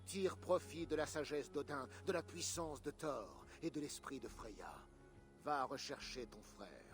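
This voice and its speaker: A man's voice: medium pitch, unhurried, faint music behind, close to an everyday voice. An actor voicing a stern, proud male Viking king in a dubbed video game, speaking with a commanding, scolding manner. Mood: stern counsel. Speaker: war leader.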